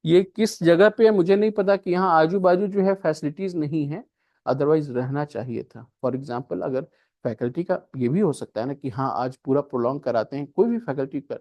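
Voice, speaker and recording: A man's voice: fairly high pitch, normal speed, highs cut off. Male classroom teacher walking students through a puzzle, checking in constantly. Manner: checks with students again and again, mixing Hindi and English. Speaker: coaching teacher. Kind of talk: classroom lecture on a reasoning puzzle.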